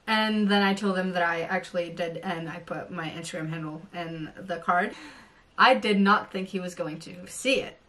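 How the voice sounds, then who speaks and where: A young woman from Norway telling an excited story to her camera, gushing and bubbly with many fillers. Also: on the low side, normal speed, distant mic. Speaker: vlogger.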